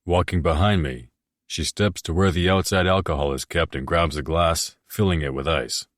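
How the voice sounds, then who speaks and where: A man narrating a romance audiobook in the first person, in a steady, measured reading. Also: deep voice, dry recording, studio quality.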